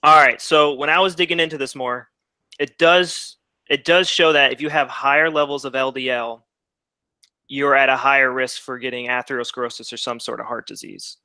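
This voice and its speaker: A man in a casual debate, heard over a video call, explaining in a halting way and repeating his words. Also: medium pitch, fairly even intonation, sharp tone, smooth, no room sound. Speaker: debate participant.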